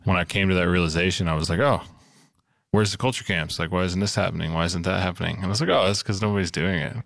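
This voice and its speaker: A man's voice: deep voice, fairly even intonation, quick pace, gravelly, a bit bright, no echo, studio quality. A man in his thirties from Alaska, a podcast guest who talks in a loose, rambling way full of fillers. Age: 30s. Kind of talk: casual podcast conversation.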